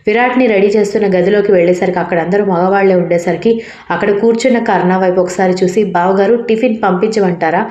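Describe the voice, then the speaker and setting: A woman's voice: medium pitch, quick pace, a little mellow, lo-fi sound. Woman narrating a story, echoey room. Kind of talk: reading a romance story aloud.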